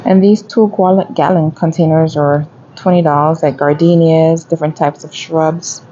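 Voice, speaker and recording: A woman's voice: deep voice, steady tone, moderate pace, warm tone, lo-fi sound, a little hiss or hum. A woman gardening vlogger chatting casually as she walks a garden center and reads out plant prices. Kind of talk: casual shopping vlog commentary. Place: garden center of a home improvement store.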